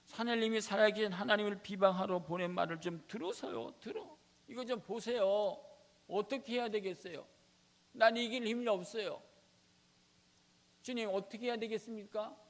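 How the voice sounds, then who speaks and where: A man acting out a desperate king who pleads with God in tears, loud and drawn out. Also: high-pitched, normal speed, pitched above the performer's own voice, natural voice. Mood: pleading. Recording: reverberant church sanctuary.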